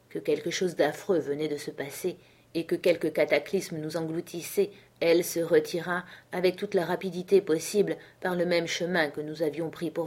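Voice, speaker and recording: A woman narrating a literary audiobook in a measured, earnest storytelling manner. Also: low-pitched, a little mellow. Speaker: audiobook reader.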